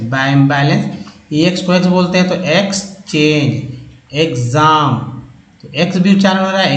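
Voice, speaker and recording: Slow, repetitive Hindi-speaking English teacher. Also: male voice, fairly high pitch, echoey room, low-quality recording. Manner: slow, repeats each sound several times. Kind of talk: explaining phonics on a whiteboard.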